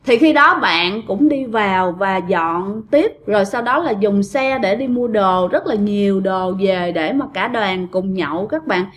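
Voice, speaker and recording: A woman's voice: medium pitch, expressive, measured pace, few pauses. A woman with a Southern Vietnamese accent, casually retelling a ghost story and chatting directly to her listeners.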